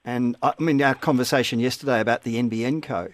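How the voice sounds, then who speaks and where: A man's voice: medium pitch, steady tone, quick pace, no room sound. An Australian man hosting talkback radio, talking in an easy, sympathetic way. His voice sits in a mid register, recorded close and dry in a studio. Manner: sympathetic, conversational, addresses caller by name. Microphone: studio microphone.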